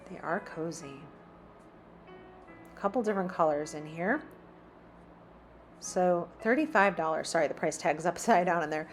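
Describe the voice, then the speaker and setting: Lowish-voiced woman filming a shop-with-me, chatty, faint music behind. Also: moderate pace, long pauses. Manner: chatty, reads out prices while browsing. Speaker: shopping vlogger. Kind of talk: casual shop-with-me narration. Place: inside a large store.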